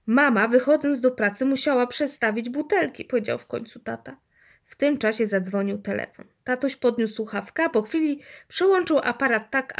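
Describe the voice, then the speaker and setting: A woman reading a children's story aloud in a lively, expressive way. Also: on the high side. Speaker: narrator.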